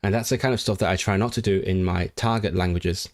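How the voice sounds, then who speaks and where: A man's voice: deep voice, fairly even intonation, quick pace. A man whose first language is not English, musing casually on a livestream and answering viewer comments. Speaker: language-learning streamer.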